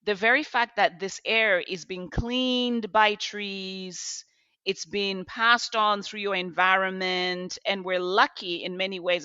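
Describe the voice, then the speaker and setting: A woman's voice: mid-range voice, sharp tone, dry recording, dull audio. A middle-aged woman, a podcast guest telling reflective stories with restarts. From Zambia. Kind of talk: podcast interview.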